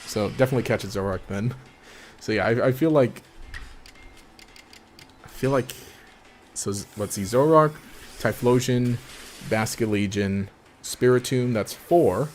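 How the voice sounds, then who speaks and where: A man's voice: medium pitch, a little slow, pauses often. Male game streamer, mid-range voice, loose chatty delivery with frequent laughs, slight room noise. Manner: rambling, chatty, laughs often, trails off mid-sentence. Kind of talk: casual live-stream commentary.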